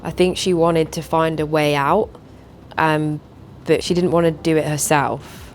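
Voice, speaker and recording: A woman's voice: low voice, steady tone, measured pace, a little hiss or hum. A female police officer in a documentary interview, recounting a call casually and hedging her words often.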